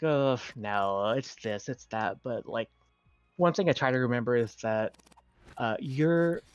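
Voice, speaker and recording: Lively-toned encouraging man. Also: medium pitch, no echo, muffled recording. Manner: warm, encouraging, rambling with fillers. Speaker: guest. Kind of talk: casual chat.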